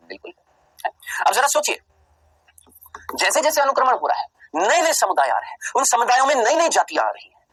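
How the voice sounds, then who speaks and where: A man teaching a biology exam-prep lecture, who asks rhetorical questions and answers them himself, repeats key terms slowly for emphasis, and plays his students' replies. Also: high-pitched, a bit bright, slightly rough, no echo, low-quality recording.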